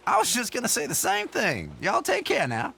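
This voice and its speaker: An actor playing a folksy, teasing old country shopkeeper with an American Southern accent and a youthful, sprightly manner, in a video game. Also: male voice, very high-pitched, huge pitch swings, moderate pace, vocal fry, bright, forceful tone, slight background noise, full character voice. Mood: friendly, explanatory. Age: older. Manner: youthful, spry elder, folksy and playful. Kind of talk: video game character dialogue.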